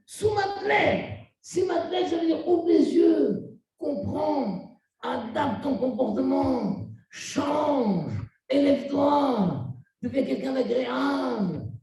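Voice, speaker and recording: Middle-aged rabbi from tunisia preaching, acts out little stories, big echoey room, mic far away. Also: male voice, very high voice, slow, gravelly. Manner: animated storytelling, acting out dialogue. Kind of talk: sermon.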